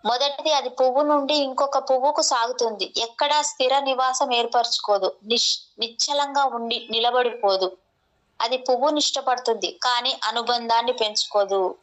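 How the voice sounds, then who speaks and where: A woman slowly reading a spiritual text aloud, with a few restarts. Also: on the high side, steady tone, fairly bright tone, poor audio. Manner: slow, measured reading with restarts.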